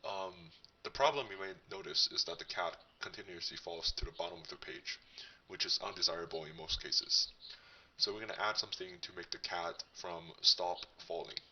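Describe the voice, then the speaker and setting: Male tutorial host, disguised deep voice via voice changer, very sharp and bright tone, casual delivery, a little off-mic. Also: normal speed, far from the mic, rough recording. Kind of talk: casual coding tutorial narration.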